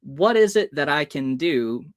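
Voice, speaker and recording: A podcast guest in his early thirties, this American man shares personal stories with animation, expressively performing bits of dialogue. His voice is a little high, expressive and unhurried.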